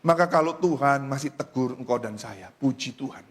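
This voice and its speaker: A male pastor with an Indonesian accent preaching a sermon in a church, telling stories, often calling out to the congregation, and jumping from loud high cries to low quiet asides. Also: moderate pace, husky. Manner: storytelling with repeated address to the congregation.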